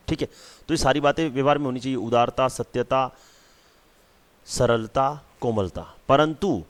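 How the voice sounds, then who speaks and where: A man teaching a school lesson, repeating key words and checking in with "theek hai" often. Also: mid-range voice.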